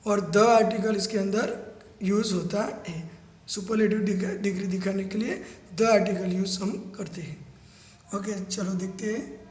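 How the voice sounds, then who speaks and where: A man teaching English grammar step by step, spelling words out letter by letter and reading English definitions slowly. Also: sits high, steady tone, a little mellow, roomy sound. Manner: mixes slow English definitions into quick explanations. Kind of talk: classroom-style grammar lesson.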